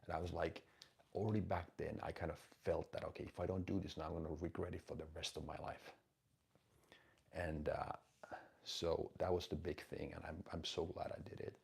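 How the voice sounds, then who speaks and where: A man's voice: low-pitched, flat delivery, fairly quick, gravelly, darkish tone, breathy edge. A man, hosting a live stream and answering chat questions in a direct, emphatic, blunt coaching tone. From Finland.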